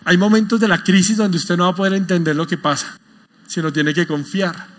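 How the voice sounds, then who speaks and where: Brief: male pastor, high-pitched voice, emphatic sermon delivery, quizzes the congregation. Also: steady tone, brisk, slight background noise. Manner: asks the congregation questions, emphatic.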